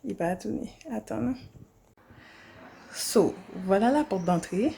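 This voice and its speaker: A woman's voice: medium pitch, animated, slow, creaky, warm tone, a little hiss or hum. A young woman vlogging casually with a handheld phone in a small apartment, chatting with frequent hesitations and repeated words. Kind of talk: casual self-filmed vlog chat.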